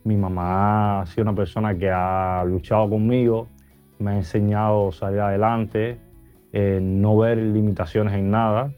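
A man, giving earnest, halting interview answers full of restarts. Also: on the low side, level tone, clean tone, narrow, tinny audio, faint music behind. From Cuba. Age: 30s. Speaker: guest.

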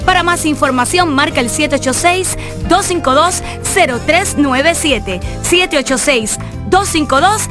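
High pitched woman doing a radio insurance ad, salesy pitch, music under it. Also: expressive. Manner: promotional sales pitch, spells out phone numbers slowly. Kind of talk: scripted radio advertisement. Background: background music.

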